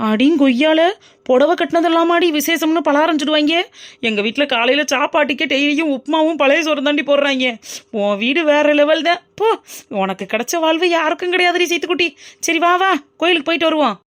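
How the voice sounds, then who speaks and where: A woman's voice: high-pitched, brisk, natural voice. A woman voicing a brash, cheeky young female best friend in a cartoon, teasing and bantering. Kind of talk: cartoon voice acting.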